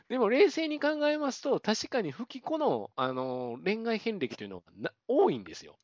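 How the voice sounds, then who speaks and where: A man's voice: sits high, very animated, moderate pace, no echo, highs cut off. A man co-hosting a casual podcast, recapping a TV drama in a chatty way full of fillers and playful asides. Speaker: podcast co-host.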